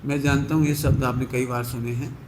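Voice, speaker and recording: A man giving a sermon as a Jain preacher, speaking slowly and emphatically and repeating key phrases to drive them home. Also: medium pitch, flat delivery, darkish tone, slight background noise. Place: large hall. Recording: echoey hall, faint ambience.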